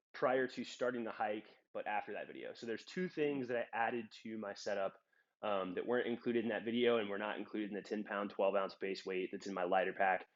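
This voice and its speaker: In a trail town, a young male hiking vlogger casually chats to camera about his hiking gear, rambling with many ums. His slightly congested voice sits on the low side, and the audio, from a phone on a trekking-pole clip, is dull.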